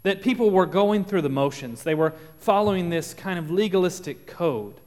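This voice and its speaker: A man with a slight Texas accent delivers a sermon from the pulpit, explaining scripture in an earnest, teacherly way. His voice sits a little high for a man, and he lets his volume rise and fall around dramatic pauses. The sound carries the long reverb of a large church sanctuary. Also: animated, darkish tone. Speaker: pastor.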